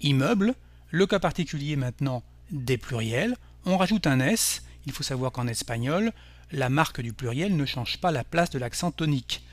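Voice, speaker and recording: Clear, deliberate male language teacher. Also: medium pitch, expressive, dry recording. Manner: slow, deliberate explanations with careful example words. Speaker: Spanish teacher. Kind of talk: scripted language lesson narration.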